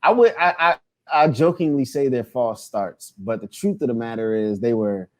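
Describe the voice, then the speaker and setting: A man's voice: medium pitch, moderate pace, darkish tone. A man in his thirties hosting a podcast, talking loosely with many fillers and restarts. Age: 30s. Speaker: podcast host. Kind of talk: casual podcast chat.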